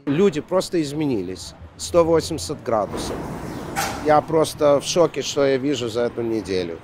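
A middle-aged man from Ukraine, a shop co-owner, answering a street interview in a quick, halting way, searching for his words. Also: medium pitch, lively intonation, music in the background. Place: city sidewalk outdoors. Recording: loud street noise outdoors.

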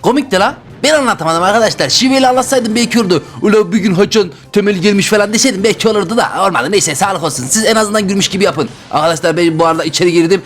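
A man giving excitable gameplay commentary as a YouTuber, often exclaiming and yelling. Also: high voice, rapid-fire, few pauses, faint music behind. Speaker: gaming YouTuber.

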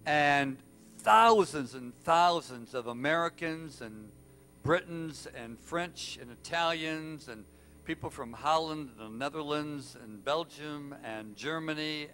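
Man pastor preaching, emotional storytelling, bit high voice. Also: slight background noise. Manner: impassioned storytelling, swinging from loud to hushed. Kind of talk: sermon.

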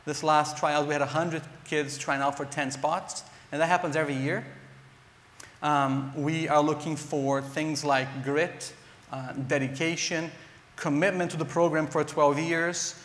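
A Brazilian nonprofit director speaks on a conference panel from a large hall stage, his earnest, halting delivery full of ums and restarts. His voice is on the high side and fairly bright, with fairly even intonation, recorded on a lapel mic with echoey hall reverb.

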